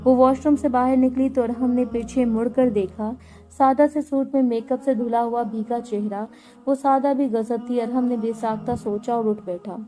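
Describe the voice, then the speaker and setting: A woman narrates an emotional story in a steady, dramatic reading. Her voice is mellow and a little high. Soft music sits faintly underneath. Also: moderate pace.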